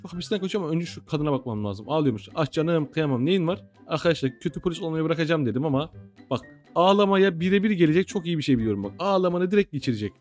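A man's voice: a little high, animated, racing, darkish tone, soft background music. A young man in casual, joking gameplay commentary, teasing the game characters and talking straight to his viewers. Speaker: gaming YouTuber.

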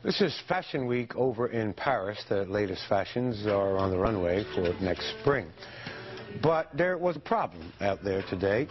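A man's voice: on the low side, sing-song, moderate pace, highs cut off, soft background music. A male news anchor reading a TV newscast in a newsroom blooper, amused and slipping out of composure.

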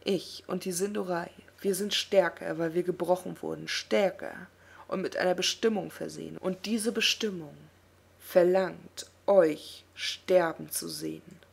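A woman reading aloud and voicing a proud, vengeful male elf prince mage in a taunting, defiant way, in a husky voice. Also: lowish voice, fairly even intonation, unhurried, exaggerated voice. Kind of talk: audiobook reading.

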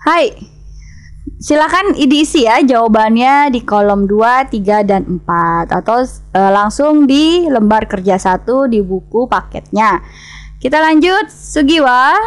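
A woman's voice: on the high side, clean tone. A woman teacher giving a recorded language lesson, explaining step by step and mixing in Japanese classroom phrases.

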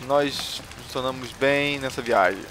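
A man commenting on a game he is playing, reading out its dialogue and getting loud and excitable during fights, often swearing. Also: mid-range voice, measured pace, slight background noise. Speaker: gaming YouTuber. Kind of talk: let's play commentary.

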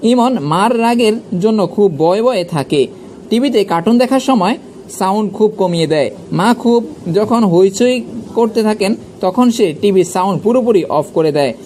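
A man with a high, light voice reads a story aloud at a calm, steady pace. He voices the dialogue softly. A faint hiss sits under the recording. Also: normal speed. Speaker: audiobook reader.

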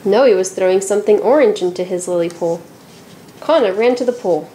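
A woman reading a children's picture book aloud, telling the story in a lively and expressive way. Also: mid-range voice, a little fast, slight background noise, poor audio. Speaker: storybook reader.

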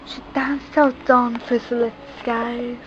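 A woman reading a rhyming picture book aloud at home, in a lively sing-song delivery. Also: a little high, slow, muffled recording, slight background noise. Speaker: reader.

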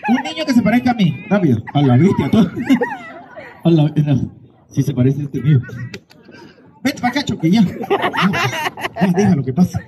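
A man's voice: fairly high pitch, sing-song, moderate pace, pauses often, background noise. A Mexican man hosting a children's contest as a street comedian, teasing with mock-dramatic outbursts on a handheld mic. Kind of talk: comic crowd banter with a mic.

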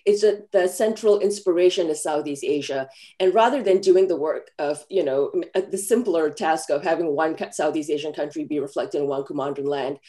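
Mellow-voiced woman from Malaysia, earnest. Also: low-pitched, brisk. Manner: earnest, thoughtful, many fillers. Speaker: film screenwriter. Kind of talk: press junket answer. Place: home room, video call.

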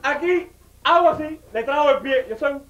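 A man playing a high-pitched Cuban street braggart. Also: normal speed. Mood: storytelling. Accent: Cuban Spanish. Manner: swaggering, boastful storytelling. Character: boastful male Havana street tough. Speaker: comedian. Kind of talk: comedy sketch acting. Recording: slightly dull recording with faint noise.

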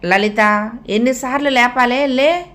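A woman's voice: mid-range voice, fairly quick, a bit bright, lightly acted. Woman doing a scolding storybook mother. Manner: scolding, irritated. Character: stern scolding middle-aged mother.

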